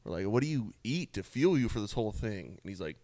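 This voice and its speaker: A man's voice: fairly low pitch, sing-song, fast talker, darkish tone, no echo. A young man co-hosting a podcast, telling a story in a laid-back, casual way and swearing now and then. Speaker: podcast co-host. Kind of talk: casual chat.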